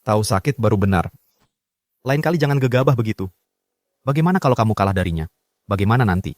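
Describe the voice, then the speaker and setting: A stern ex-husband, dubbed by a man who talks quickly and curtly. He is firm and cold toward his ex-wife and teasing with his girlfriend. It is a dry studio dub. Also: fairly low pitch, animated, no echo, lightly acted. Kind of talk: Indonesian drama dub.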